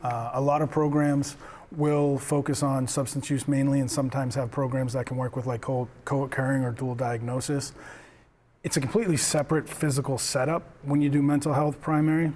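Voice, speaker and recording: A man's voice: mid-range voice, little pitch movement, brisk, darkish tone, slight background noise. A man with a Boston accent, earnest and conversational, speaking on a community panel as a treatment center representative. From Lynn, Massachusetts. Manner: earnest, conversational, speaks from personal recovery experience. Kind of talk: panel discussion.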